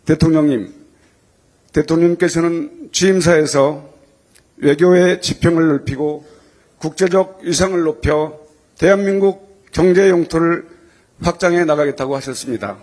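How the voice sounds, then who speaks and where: A man's voice: a little high, moderate pace, long pauses, a little mellow. A man delivering a formal prepared welcome address as a community association president, in an earnest, deferential and ceremonial manner.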